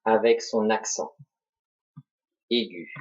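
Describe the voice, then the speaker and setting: A man teaching a dictation lesson, slowly spelling out syllables for children to repeat and write. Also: fairly low pitch, fairly even intonation, darkish tone, breathy edge. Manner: slow, deliberate, spells out syllables. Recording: dull lo-fi recording.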